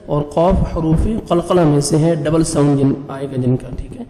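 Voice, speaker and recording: A man's voice: on the high side, steady tone, background noise. Man teaching Quran recitation in an echoey room. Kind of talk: spelling out and reciting verses with tajweed rules.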